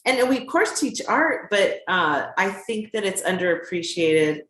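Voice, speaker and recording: A woman, a children's book author and teacher, hosting an interview in a warm, affirming way with frequent "um" fillers. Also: mid-range voice, lively intonation, unhurried. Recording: echoey room.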